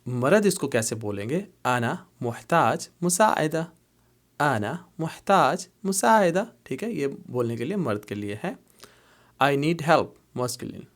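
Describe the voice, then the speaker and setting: A middle-aged man teaches everyday phrases in a calm, steady lesson voice. His pitch sits in the ordinary middle range. He repeats each example slowly and patiently. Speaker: language teacher. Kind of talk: explaining Arabic phrases in Urdu.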